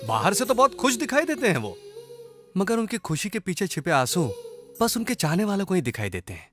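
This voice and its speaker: An actor dubbing a cheeky young hero who fakes an illness and talks in a smooth, playful way. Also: male voice, sits high, wildly swooping pitch, brisk, a bit bright, full character voice. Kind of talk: Hindi film dub. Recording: film soundtrack with music behind.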